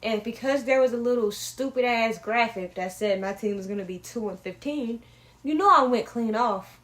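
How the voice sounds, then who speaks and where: A woman's voice: fairly high pitch, normal speed, fairly bright tone. Blunt, opinionated young woman on sports. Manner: blunt, opinionated, swears often. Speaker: sports podcast host. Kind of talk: casual sports talk.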